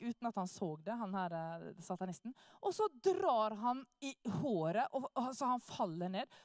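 Animated woman telling a story. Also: on the high side, dry recording, studio quality. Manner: animated, acts out quoted voices, laughs often. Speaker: speaker sharing a testimony. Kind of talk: lively personal storytelling.

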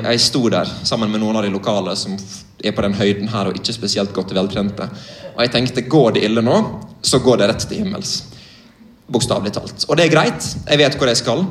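A man's voice: lowish voice, echoey room. A young man from Norway preaching, telling a vivid, earnest story in a direct way. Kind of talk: sermon testimony.

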